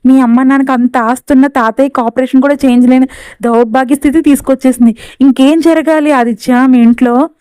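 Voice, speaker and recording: A woman's voice: sits high, fairly even intonation, fairly quick, warm tone, smooth, no echo, lightly acted. A woman voicing an angry young woman in a serial recap, speaking bitterly and heatedly. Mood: indignant.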